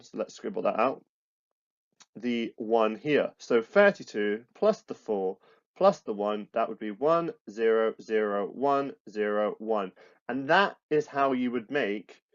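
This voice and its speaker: A British man talks through a recorded lesson, patiently explaining each step and often restarting his phrases. His voice sits at an everyday middle pitch. The recording sounds a little dull and lo-fi. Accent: British English. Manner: explanatory, repeats phrases, frequent restarts and fillers. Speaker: computer science teacher. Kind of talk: recorded classroom lesson with slides.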